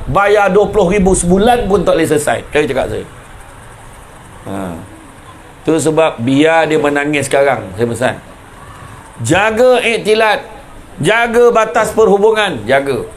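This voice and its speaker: A man's voice: high-pitched, unhurried, a little hiss or hum. A man with a Malaysian Malay accent giving a casual religious talk to a live audience, joking and asking rhetorical questions. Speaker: religious lecturer. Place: community lecture event.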